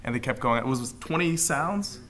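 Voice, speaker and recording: A man's voice: mid-range voice, expressive, normal speed, a bit bright, slight background noise. A man co-commentating a live competition stream in a casual, chatty way, also reading out rules. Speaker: livestream co-commentator.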